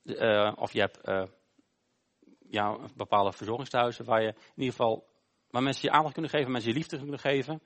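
A male pastor gives an informal sermon during a church service. He tells a Bible story conversationally, often pausing on "eh". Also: medium pitch, steady tone. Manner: informal, storytelling, with frequent hesitations.

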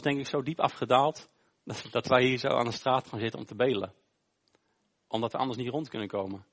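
A man preaches a sermon during a church service. He retells a Bible story plainly and informally, stopping to search for words. His voice sits at a middling pitch. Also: a bit bright. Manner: informal, storytelling, with frequent hesitations. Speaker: pastor.

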